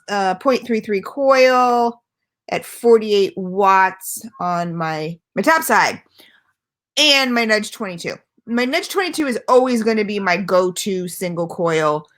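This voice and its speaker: A woman with a mid-range, fairly bright voice reviews e-liquids for her vlog channel. She chats casually from home, away from her usual setup, rambling and poking fun at herself with lots of fillers.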